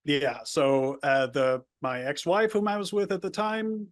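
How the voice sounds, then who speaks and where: With a fairly high pitch and level tone, a man speaks unhurriedly about his life as an interview guest. He's a native Spanish speaker from the El Paso border area in the United States, and the conversation is casual and rambling with many restarts.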